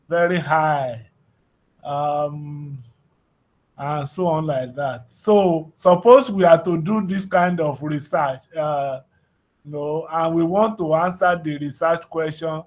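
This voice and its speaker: A middle-aged man teaching a university class, speaking haltingly and calling on students by name. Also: a little high, a little mellow. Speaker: lecturer.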